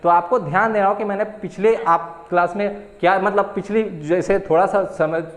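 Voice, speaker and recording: A man's voice: fairly high pitch, echoey room. A young adult man teaching an exam-prep grammar lesson, patiently repeating key terms and answering his own questions.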